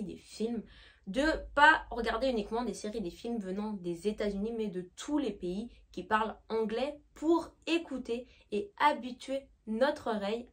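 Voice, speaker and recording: Lively woman teaching, higher voice. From France. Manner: lively, checks in often with "d'accord?". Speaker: English teacher. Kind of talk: explaining to camera.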